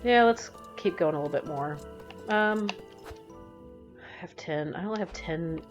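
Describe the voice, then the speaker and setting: A woman's voice: on the low side, lively intonation, a little slow. A woman commentating while playing a game, mumbling and critical of herself. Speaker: gaming channel host. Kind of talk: let's play commentary. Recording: slightly muffled with game music.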